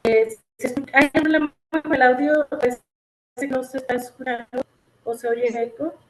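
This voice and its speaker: A woman giving an online pediatrics lecture on a video call, her audio choppy and cutting out, talking hesitantly with many drawn-out fillers. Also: sits high, echoey room, low-quality recording. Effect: choppy, cutting-out audio over a bad connection.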